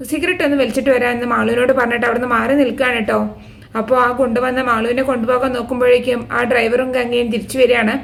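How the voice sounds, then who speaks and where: Fast-talking woman recapping. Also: high voice, gravelly. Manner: chatty, ends lines with a friendly tag. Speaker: serial recap host. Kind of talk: casual episode recap narration.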